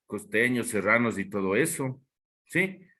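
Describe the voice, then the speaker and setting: A man's voice: lowish voice, lively intonation, a little slow, bright, forceful tone. A man, a teacher giving class instructions and checking that students understood. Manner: explaining, checking understanding with questions.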